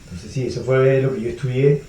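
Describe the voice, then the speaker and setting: A Venezuelan man with a Venezuelan accent, a guest answering interview questions in a measured way, with frequent hesitations. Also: mid-range voice, steady tone, warm tone, slight background noise. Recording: echoey room.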